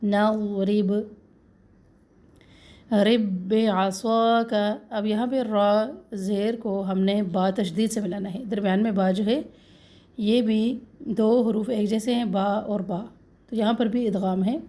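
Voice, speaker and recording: A woman with a Pakistani Urdu accent teaching Quran recitation, who patiently demonstrates words slowly and then corrects and explains them. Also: medium pitch, fairly even intonation, mellow. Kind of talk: Quran recitation lesson, slow drawn-out recitation with quick explanations.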